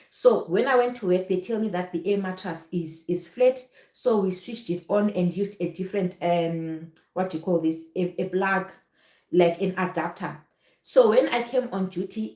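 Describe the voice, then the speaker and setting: A woman's voice: mid-range voice, darkish tone. A woman speaking earnestly to her viewers as a nurse vlogger, often checking in with "you understand?". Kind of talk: personal testimony to viewers. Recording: echoey room.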